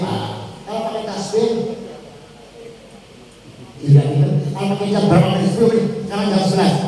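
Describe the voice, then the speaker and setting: An older man preaches a sermon with a high, very animated voice, jumping between characters and chanted prayers. He sounds far from the mic, with the long echo of a big space around him. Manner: storytelling preacher, acts out dialogue in shifting voices, chants Arabic prayers. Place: large outdoor religious gathering. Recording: echoey hall sound from far off.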